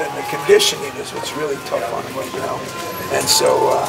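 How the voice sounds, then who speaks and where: A creaky, medium-pitched male voice belongs to a college basketball coach in his sixties, telling emphatic anecdotes to reporters jammed outside a locker room after a game. He sounds far from the mic, even though reporters' handheld mics crowd close; the noisy hallway recording places the mic a step away.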